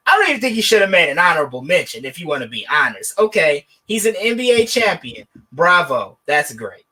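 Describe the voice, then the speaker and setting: A man co-hosting a podcast, animated and joking, with sarcastic asides in casual sports debate. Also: sits high, fast, husky. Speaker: podcast co-host.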